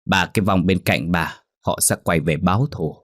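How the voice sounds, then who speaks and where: Storybook figure: a curt old soothsayer, read by a male narrator, deep and husky, barking orders. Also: moderate pace, no room sound, clean studio sound. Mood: stern. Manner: curt, commanding. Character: stern old male fortune teller.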